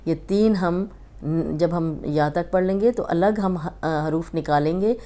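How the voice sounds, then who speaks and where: Woman with a Pakistani Urdu accent, patient tajweed teacher, mellow and smooth, drawn-out letters. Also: on the low side. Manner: patient, repeats and stretches each letter sound. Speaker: Quran reading teacher.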